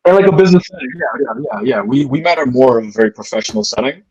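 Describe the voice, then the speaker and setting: A young Canadian-born man co-hosting a podcast in a husky voice, recorded close and dry. He rambles playfully, circling back and restarting his sentences. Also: medium pitch, expressive, racing, a little mellow, no room sound, highs cut off. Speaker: podcast co-host. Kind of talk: casual chat.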